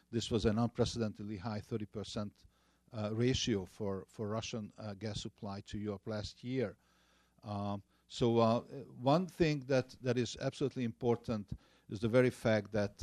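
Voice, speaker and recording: A man's voice: lowish voice, darkish tone, dry recording. A man from Hungary with a Hungarian accent, giving hesitant panel remarks full of filler sounds and restarts. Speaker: panelist, former energy minister.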